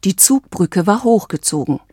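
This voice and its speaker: A woman reading a children's storybook aloud in a calm, measured, clear manner. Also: mid-range voice, no echo, studio quality.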